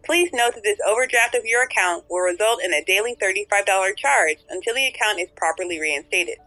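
A woman voicing a crisp automated bank message. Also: mid-range voice, a little fast, bright, forceful tone, no echo, faint music behind, lightly acted, poor audio. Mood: formal. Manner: crisp, formal.

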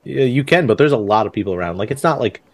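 Lively man running a tabletop game. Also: fast, no room sound. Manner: animated, jumps to a high falsetto for voiced characters. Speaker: game master.

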